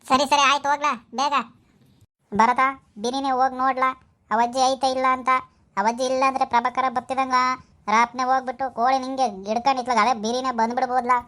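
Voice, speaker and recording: A woman voicing a bossy, scheming village man in a comedy skit, speaking an in a hurried, urging way with hushed scolding. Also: high-pitched, flat delivery.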